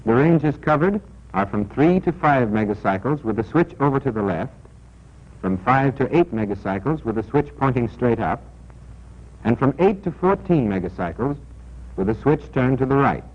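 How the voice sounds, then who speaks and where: An American man narrates a 1940s military training film in a scripted, deliberate, instructional and emphatic style. His medium-pitched voice has lively intonation, heard on a dull, band-limited old film soundtrack.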